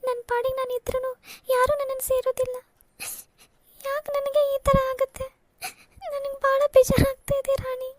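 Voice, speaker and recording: Woman playing a crying young cartoon heroine, very high voice, pleading, dry studio sound. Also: monotone, moderate pace, long pauses, dry recording. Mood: tearful. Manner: pleading, repeats herself. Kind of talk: cartoon voice acting.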